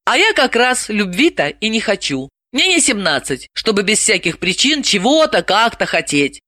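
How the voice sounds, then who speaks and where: A woman reading an audiobook, voicing a tired, measured woman psychologist in her thirties. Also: mid-range voice, very animated, pushed and bright, no room sound. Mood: calm.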